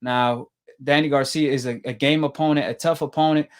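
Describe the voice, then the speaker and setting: A man hosting a call-in show in casual sports talk, polite and measured. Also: medium pitch, steady tone. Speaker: host of a boxing call-in show.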